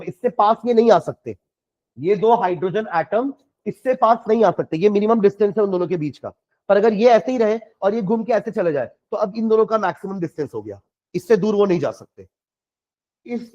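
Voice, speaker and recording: A man teaching a chemistry class, explaining patiently, asking his students questions and dictating notes slowly with repetition. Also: high voice, darkish tone, dull audio.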